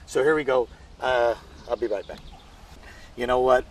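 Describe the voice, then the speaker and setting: A man's voice: medium pitch, normal speed. A man hosting a casual gardening vlog outdoors, chatty and rambling with lots of fillers and restarts. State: out of breath. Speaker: gardening video host. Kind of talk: casual vlog talk to camera. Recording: distant outdoor mic with faint ambient noise.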